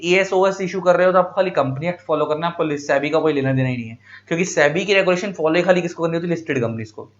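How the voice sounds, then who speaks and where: A man's voice: sits high, fairly bright tone, highs cut off. A male teacher giving a classroom lecture in Hindi. He asks questions and answers them himself, repeats key points, and calls his students "beta".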